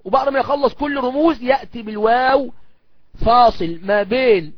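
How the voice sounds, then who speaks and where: A man speaking with an Egyptian accent, teaching in a recorded course lecture. He explains step by step, poses questions and answers them himself, and slows right down to recite lines of verse. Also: very high-pitched, no echo, lo-fi sound. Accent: Egyptian Arabic.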